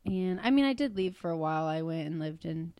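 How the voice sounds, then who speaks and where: A woman's voice: deep voice, lively intonation, a little fast, mellow, no room sound. A woman in her thirties from the Cleveland area with a Northern Ohio accent, chatting casually and giggling as a podcast co-host. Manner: laid-back, giggly, swears casually. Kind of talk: casual chat.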